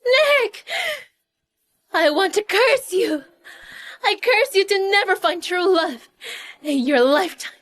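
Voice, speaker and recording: A spiteful young mistress, high and slow. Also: female voice, lively intonation, a bit bright, exaggerated voice. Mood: taunting. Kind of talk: dubbed drama acting.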